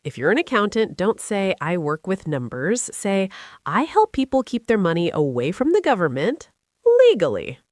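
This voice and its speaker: A woman's voice: medium pitch, big pitch swings, normal speed, darkish tone, dry recording, studio quality. An American woman teaching English in a scripted conversation, playful and teasing with an upbeat manner. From United States.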